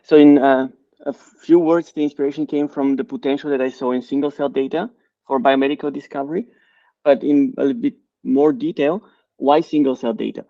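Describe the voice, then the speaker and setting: A middle-aged man from Bulgaria, a company CEO and co-founder, answering interview questions in a measured, explanatory way with frequent fillers. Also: medium pitch, fairly even intonation, vocal fry, no echo. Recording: dry, slightly dull sound.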